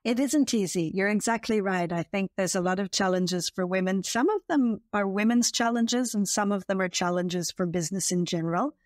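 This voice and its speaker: A Canadian woman being interviewed, explaining her work in a fluent, measured way. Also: mid-range voice, no echo, studio quality. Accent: Canadian English. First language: bilingual English and French. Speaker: guest, marketing consultant. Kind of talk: interview answers.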